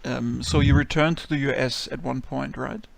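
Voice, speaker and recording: Gravelly-voiced man interviewing casually. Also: medium pitch, steady tone, normal speed, dry recording. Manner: friendly, hesitant questions with many ums.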